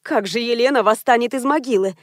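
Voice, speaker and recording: A woman voicing a timid older actress and mother-in-law who speaks softly and hesitantly in an audiobook. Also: fairly high pitch, fairly quick, no echo, clean studio sound, lightly acted. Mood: fretful. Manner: soft, hesitant, fretful.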